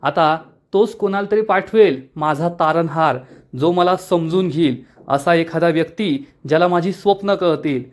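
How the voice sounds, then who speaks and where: A man's voice: on the high side, normal speed, lightly acted. Wistful young woman longing to be understood, told by a man, pleading tone.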